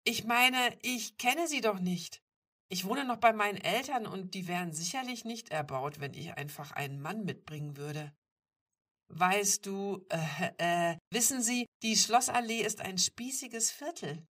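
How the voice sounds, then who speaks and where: Flustered posh teen girl, high and pleading, bright breathy tone, read by a woman. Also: unhurried. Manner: pleading, indignant, higher and louder than narration. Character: flustered upper-class teenage girl.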